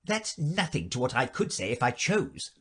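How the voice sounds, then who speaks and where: Preachy older duchess voiced by a man, raised pitch, husky, wandering intonation. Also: wildly swooping pitch, normal speed, fairly bright tone, exaggerated voice. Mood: moralizing. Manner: preachy, long-winded. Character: fussy older duchess, moralizing, agreeable.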